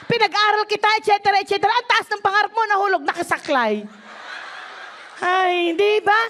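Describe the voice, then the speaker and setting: Delivering a lively testimony sermon a little fast, a middle-aged female pastor swings between laughing and shouting and quiet, low-pitched passages.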